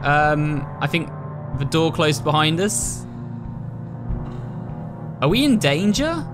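Over ominous game music, a British man hosts a gaming video, chatting casually with viewers as he plays a horror game. He speaks slowly, his voice on the high side and very animated.

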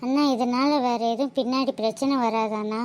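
High voice, woman playing a fretful tearful young woman, cartoon, pleading. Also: steady tone, moderate pace, darkish tone, lightly acted. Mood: anxious. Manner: anxious, pleading. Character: worried tearful young woman, wife and sister.

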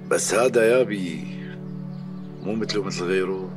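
A man's voice: sits low, normal speed, lightly acted. An actor with a Levantine Arabic accent playing a stern, commanding father who arranges his daughter's marriage. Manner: authoritative, commanding. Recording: music bed under the voice.

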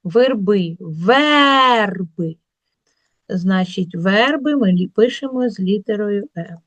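A woman teacher working through a school workbook, drawing words out slowly to show where the stress falls. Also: mid-range voice, a little mellow, no echo. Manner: slow, drawn-out word demonstrations.

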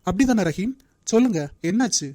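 A woman gives voice to a strict, demanding young male company manager for a Tamil cartoon dub, lecturing him along at a quick, brisk pace. Her tone is dark and mellow yet a little high with lively intonation, and the sound is close, dry, and free of echo.

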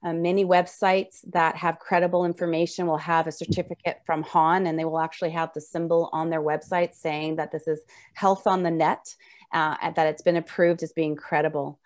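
Middle-aged female nurse presenter, slightly low voice, slushy slurred s, informal webinar teaching over slides. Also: flat delivery, normal speed. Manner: slurred, slushy s sounds from wearing braces. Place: indoor room, video call.

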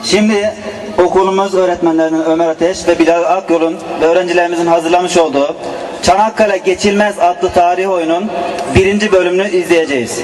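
Male school-play presenter, fairly high voice, formal announcing, roomy hall with some audience murmur. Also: fairly even intonation, fast talker, a little mellow. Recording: echoey hall with faint crowd.

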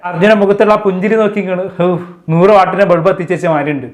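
Rapid-fire chatty male commentator. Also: high voice. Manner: chatty, addresses viewers as kids. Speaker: show commentator. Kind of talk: casual recap commentary.

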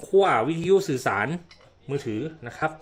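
A man's voice: fairly high pitch, animated, moderate pace, slight background noise. Man giving a casual, repetitive demo. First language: Thai. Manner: repetitive step-by-step explaining with frequent polite particles. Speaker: product demonstrator. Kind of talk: casual hands-on product demo.

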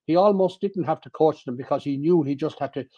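A man's voice: fairly high pitch, brisk, dark tone, dry recording, lo-fi sound. An older Irish man on a video call, speaking emphatically as a hurling pundit. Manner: assertive, emphatic. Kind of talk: casual sports analysis.

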